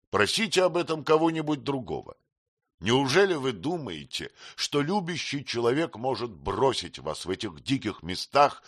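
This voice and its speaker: A man's voice: medium pitch, a bit bright, dry recording, studio quality. A man voicing an urgent young man pleading. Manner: earnest, insistent, pleading.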